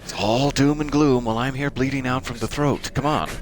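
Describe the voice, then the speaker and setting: A man's voice: medium pitch, fairly even intonation, brisk. A man streaming a game with wry, playful commentary in a droll, mock-polite way. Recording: clear game ambience noise behind.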